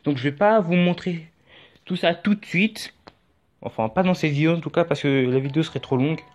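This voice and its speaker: This YouTube tutorial host speaks in a slightly high voice at a fairly quick clip, casually guiding viewers through the steps while rambling and tossing in jokes. It's recorded in dull lo-fi with faint background music.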